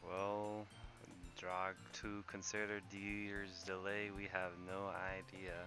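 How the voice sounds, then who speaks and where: A man casually commenting while streaming a game, talking in a quiet, monotone, deadpan way. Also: sits low, slow pace, over music.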